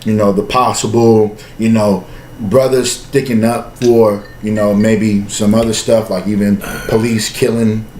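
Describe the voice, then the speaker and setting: Lower-pitched West Coast man, casual and slangy. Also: level tone, unhurried, a little mellow. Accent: American West Coast. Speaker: podcast guest, music artist. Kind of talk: casual chat. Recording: roomy echo, faint background noise.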